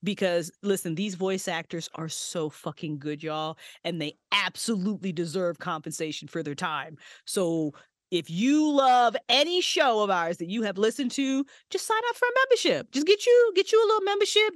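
Appearing as a guest, a fortysomething podcast co-creator has an animated, casual chat, cursing freely and often breaking into laughter. She speaks at a moderate pace in a mid-range voice, with a dry, studio-quality recording.

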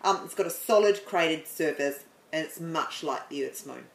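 A woman explaining the planets in a chatty way, then leading a guided meditation with slow, soothing instructions and some stumbles. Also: low voice, vocal fry, roomy sound, rough recording. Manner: chatty, apologetic, stumbles over words.

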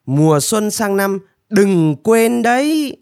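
A man voicing a greedy, boastful, cowardly middle-aged man in a storybook tale, in a high, shrill, wheedling sing-song. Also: sing-song, takes it slowly, a little mellow, clear, resonant tone, no room sound, studio quality, exaggerated voice. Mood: bossy. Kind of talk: storybook character voice.

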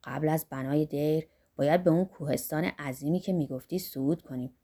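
A woman's voice: low-pitched, dark tone, voice pushed down. A woman voicing an earthy, boisterous older workman, blunt and philosophizing, in an audiobook.

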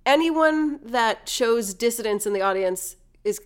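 A woman's voice: a little high, lively intonation, unhurried, smooth. A woman in casual chat, animatedly retelling a film plot, acting out the characters' lines and swearing now and then. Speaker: podcast host retelling a film.

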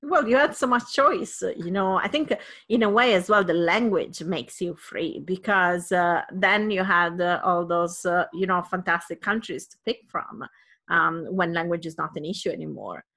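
A woman's voice: on the low side, normal speed, sharp tone. A woman interviewing a guest, friendly and asking questions with many fillers. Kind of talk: conversational interview.

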